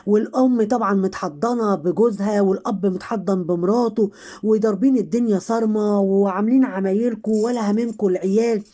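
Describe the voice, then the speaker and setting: A woman's voice: mid-range voice, fast talker, mellow. Indignant Egyptian woman vlogger. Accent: Egyptian Arabic. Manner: indignant, scolding, talking straight to the people she criticizes. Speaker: vlogger commenting on online drama. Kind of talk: casual commentary to viewers.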